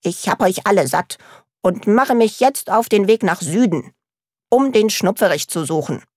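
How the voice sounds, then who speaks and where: A woman's voice: medium pitch, expressive, normal speed, a little mellow, no room sound, clean studio sound, lightly acted. A woman voicing a small, lonely young male troll creature in a storybook reading, with an anxious, pleading manner. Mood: stern.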